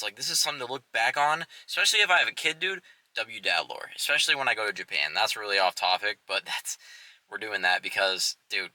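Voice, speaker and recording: A man's voice: mid-range voice, bright, forceful tone, no room sound, rough recording. A young man chatting casually as a fitness vlogger, rambling loosely and dropping slang like "dude" as he goes. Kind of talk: casual vlog chat.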